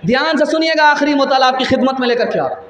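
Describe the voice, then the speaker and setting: A man with a very high, piercing voice preaches to a big gathering through a microphone. His delivery is quick and rhetorical, and he keeps calling on the crowd to respond. The sound rings with long hall reverb, and faint music runs underneath. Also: a bit bright, a little hiss or hum. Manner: rapid rhetorical preaching, calls on crowd to raise hands. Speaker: Islamic preacher. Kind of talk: sermon at a religious gathering. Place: large religious gathering.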